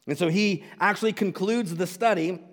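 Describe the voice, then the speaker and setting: A male pastor preaching a sermon earnestly, restarting and repeating phrases, and building up to loud emphatic declarations. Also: sits high, normal speed, big-room sound.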